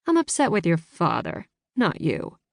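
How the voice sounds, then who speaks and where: A woman's voice: lowish voice, huge pitch swings, unhurried, gravelly, no room sound, studio quality, full character voice. A woman doing a blunt old grandmother. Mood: curt. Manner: curt, dismissive. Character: blunt grandmother, cold and no-nonsense.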